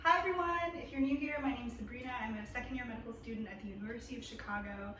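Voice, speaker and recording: A woman in her twenties hosting a casual chat with friends, bubbly and quick to laugh, talking with lots of fillers. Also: a little high. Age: 20s. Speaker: host. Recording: echoey room, mic far off, noisy.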